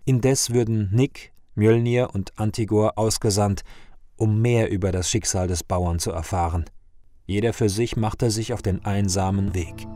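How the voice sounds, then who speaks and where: Low-voiced man narrating a fantasy tale. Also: steady tone, a little slow, warm tone, dry recording, clean studio sound, soft background music. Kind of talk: scripted fantasy storytelling.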